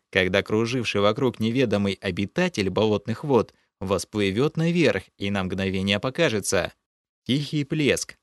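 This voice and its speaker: A man narrating an audiobook in the first person, with steady storytelling. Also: lowish voice, no room sound, studio quality.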